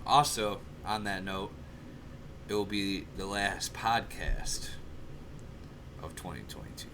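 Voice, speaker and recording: A man's voice: low-pitched, slow pace, background noise. A man co-hosting a casual podcast, joking and teasing his partner. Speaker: podcast co-host.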